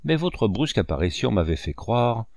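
A man's voice: fairly low pitch, big pitch swings, normal speed, creaky, no echo, clean studio sound. A man voicing a scheming male swindler who speaks with irony and veiled threats. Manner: ironic and quietly threatening. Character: scheming middle-aged man, villainous swindler, veiled menace.

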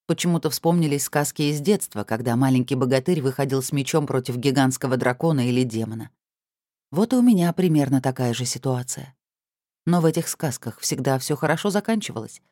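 A woman narrates a first-person audiobook in a calm, even manner. Her tone is dark and mellow. The recording is close and dry, with no room sound. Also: deep voice, no echo.

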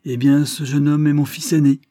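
A gruff old corsair father from a storybook, quick to exclaim and swear, as a man reads him. His voice sits dark and husky. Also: mid-range voice, lively intonation. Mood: gruff emotional.

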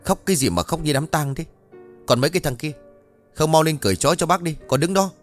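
A man's voice: medium pitch, expressive, fast talker, faint music behind, lightly acted. A man voicing a stern older village and clan head who scolds and barks orders. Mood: scolding.

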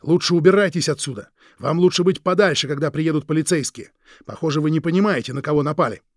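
A man's voice: fairly high pitch, fast, no room sound, clean studio sound, pitched above the performer's own voice, close to an everyday voice. A man voicing a firm, indignant British husband and shopkeeper in an audiobook.

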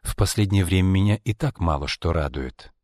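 A man's voice: deep voice, fairly quick, darkish tone, dry recording, clean studio sound. A man voicing a proud, defiant middle-aged mother who answers sharply.

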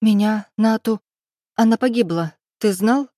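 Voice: mid-range voice, a little slow, dry recording, clean studio sound, close to an everyday voice. An audiobook reader voicing a proud, wounded young woman who speaks curtly and bitterly, her voice raised above the reader's own. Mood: angry. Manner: curt, bitter, rising to shouts.

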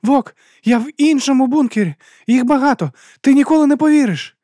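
A woman's voice: high voice, brisk, warm tone, no room sound, studio quality, voice pushed up, close to an everyday voice. A male audiobook reader voicing a desperate young woman calling over a radio, speaking in urgent, breathless pleas. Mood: excited.

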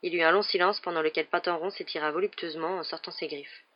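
A woman narrating an audiobook in a measured storytelling manner. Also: lowish voice, fairly even intonation, dry recording, lo-fi sound. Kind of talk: scripted narration.

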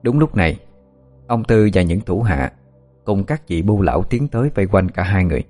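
Low-voiced male story narrator. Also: animated, normal speed, darkish tone, faint music behind. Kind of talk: scripted narration.

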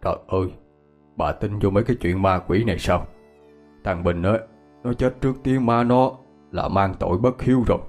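A man voicing an older husband who scolds in a gruff, low voice. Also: normal speed, a little mellow, faint music behind. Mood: scolding.

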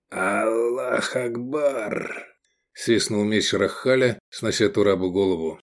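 A man reading an audiobook aloud in an expressive, lively way. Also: on the low side. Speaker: audiobook narrator. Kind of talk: scripted narration.

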